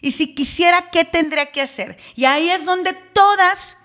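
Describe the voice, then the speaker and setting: A woman's voice: very high-pitched, moderate pace, a bit bright. A woman coach giving a motivational talk, emphatic and full of rhetorical questions.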